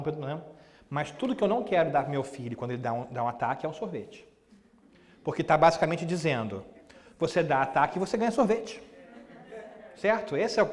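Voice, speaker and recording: A middle-aged man with a fairly high voice gives a casual spoken lecture in a big room. His words ring out with long reverb. He keeps checking in with the audience and slips into quick acted-out dialogues. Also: darkish tone. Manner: conversational, asks the audience questions; acts out short dialogues. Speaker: Spiritist speaker. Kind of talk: live lecture.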